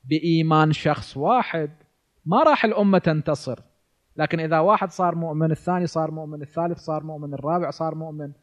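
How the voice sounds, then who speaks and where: A man's voice: a little high, fast talker. A man in his forties with an Iraqi Arabic accent, giving a religious lecture and asking rhetorical questions that he answers himself. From Iraq. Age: 40s. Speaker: cleric lecturer.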